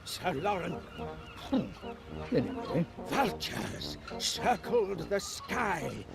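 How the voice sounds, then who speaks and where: An actor playing a pompous old English army major in a video game, telling tales theatrically and given to yelled exclamations. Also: male voice, sits high, very animated, very slow, gravelly, music in the background, exaggerated voice. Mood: blustery, theatrical. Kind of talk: video game character acting.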